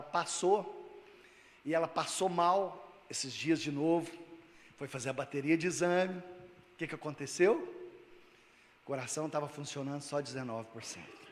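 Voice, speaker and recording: A male pastor preaching a sermon, moving between loud emphatic lines and low, quiet storytelling. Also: long reverb tail.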